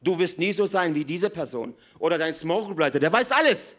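A man preaching an energetic sermon in a large church hall, swinging from loud emphatic bursts to quiet low asides. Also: fairly quick. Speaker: pastor.

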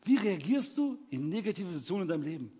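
A young adult man preaching, telling a personal story with lively acted-out scenes and shouted peaks. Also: high-pitched, quick pace, slightly rough. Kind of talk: animated sermon storytelling.

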